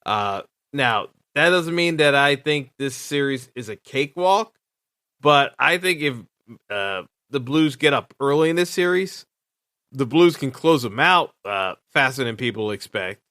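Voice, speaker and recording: Opinionated man with a bright voice. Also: mid-range voice, expressive, measured pace, no room sound, clean studio sound. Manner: hesitant, full of fillers and restarts; opinionated, thinking aloud. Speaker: podcast host. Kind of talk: solo sports podcast commentary.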